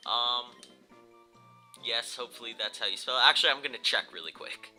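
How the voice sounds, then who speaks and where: With game music playing behind him, a young man with a cold-stuffed nose chats loosely about his gameplay for his YouTube channel. His voice is medium-pitched, a bit fast and sharp, and his Let's Play talk wanders with lots of ums and self-corrections.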